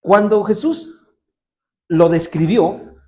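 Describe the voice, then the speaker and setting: Speaking slowly in a high voice with a Mexican Spanish accent, a male pastor preaches a sermon. He tells lively stories and acts out the people he quotes, giving each character a voice.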